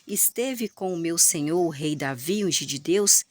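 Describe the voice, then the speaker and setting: A loyal, devout guard captain piles up blessings and honorific titles, as a Brazilian woman reads his lines. Her voice sits a little low. The recording is dry and close. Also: animated, moderate pace, no room sound. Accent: Brazilian Portuguese.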